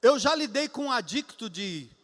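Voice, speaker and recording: A high-pitched male preacher with a Brazilian Portuguese accent delivers a sermon with emphatic, dramatic swings. His voice rings through a church hall, trailing a long reverb. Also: sing-song, moderate pace, fairly bright tone. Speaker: pastor. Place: church sanctuary.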